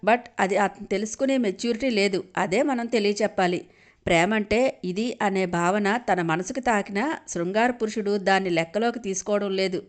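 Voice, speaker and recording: Woman narrating a romance story. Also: mid-range voice. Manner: reads every character herself, shifting tone for each quote.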